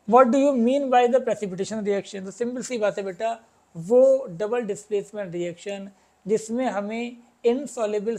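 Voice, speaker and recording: A man with a very high voice, teaching a chemistry class. He reads out exam questions in a slow, careful way, then explains each one and keeps checking that his students have understood. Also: darkish tone. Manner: addresses students as "beta", keeps asking if it is clear; reads English questions slowly, explains in Hindi. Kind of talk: chemistry lesson.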